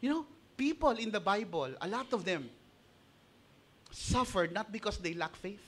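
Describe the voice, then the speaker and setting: A man with a Filipino accent preaching a sermon as pastor, animated and switching between Tagalog and English, acting out the voices he quotes. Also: high voice, measured pace.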